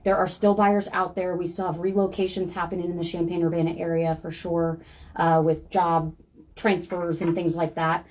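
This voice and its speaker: A woman's voice: lowish voice, level tone, normal speed, a little mellow, low-quality recording. American woman giving a casual update. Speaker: show co-host and real estate agent. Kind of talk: casual market update to camera.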